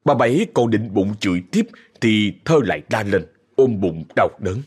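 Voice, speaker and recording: A man narrating a ghost story in a dramatic, expressive way. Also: fairly low pitch, normal speed, husky.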